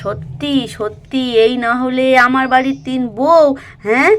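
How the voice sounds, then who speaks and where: A woman's voice: high-pitched, measured pace, fairly bright tone, a little hiss or hum. A woman voicing a kindly elderly mother-in-law. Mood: consoling. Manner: soothing, motherly scolding.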